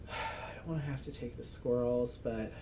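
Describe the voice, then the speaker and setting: Slow and fairly even in intonation, this medium-pitched man projects loudly as he talks through a solo board game for his channel. The commentary is casual, peppered with chuckles and jokes at his own expense, over slight background noise.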